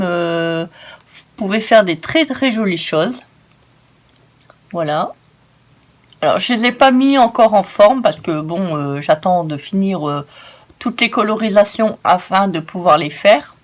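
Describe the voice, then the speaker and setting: A woman hosting a casual crafting demonstration, chatty and enthusiastic, often stumbling over her words. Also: mid-range voice. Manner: gushing and enthusiastic. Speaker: craft video host.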